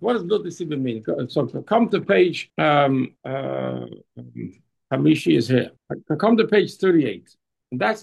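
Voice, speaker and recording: On a low-quality recording, a man with a slightly high, creaky voice teaches from a religious text. He tends to repeat and restart phrases, and he slowly reads passages aloud before giving translations.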